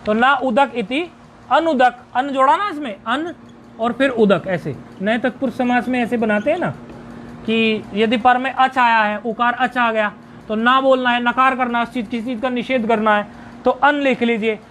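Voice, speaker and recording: A man teaching Sanskrit grammar in a recorded video lesson, explaining step by step, asking and answering his own questions, and reciting word forms slowly in a list. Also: very high voice, fairly even intonation, fairly bright tone, slight background noise.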